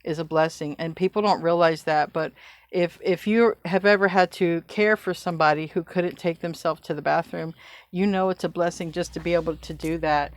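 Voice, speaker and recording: With a steady, lowish voice at normal speed, a middle-aged tarot reader offers a casual spiritual reading in a dry recording. She's chatty and loose, talking as if to a friend, often correcting herself and laughing at her own slips.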